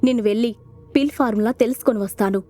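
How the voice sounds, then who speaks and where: A woman's voice: fairly high pitch, quick pace, warm tone, soft background music, close to an everyday voice. A woman voicing a blunt man who gets exasperated, in an audio storybook. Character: blunt, confused man, a fighter.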